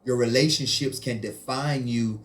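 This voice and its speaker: A man's voice: mid-range voice, steady tone, moderate pace. A man who grew up in Haiti, a musician guest chatting casually in an interview in a laid-back way, often saying "you know" and "man".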